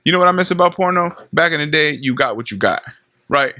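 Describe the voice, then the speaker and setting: A man's voice: fairly high pitch, animated, quick pace, a crowd in the background. A man co-hosting a podcast, telling loose, profane stories in casual chat and laughing often. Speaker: podcast co-host.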